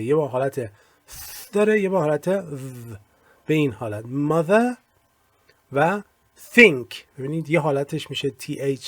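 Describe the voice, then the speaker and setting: A man teaching English grammar in Persian, with slow, careful readings of the English examples. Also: fairly high pitch, no room sound. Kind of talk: recorded lesson explaining grammar.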